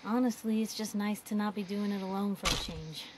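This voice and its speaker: A woman's voice: mid-range voice, fairly even intonation, a little fast, lightly acted. Piper: a woman voicing a wry reporter. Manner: teasing, candid. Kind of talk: video game dialogue. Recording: game audio under background noise.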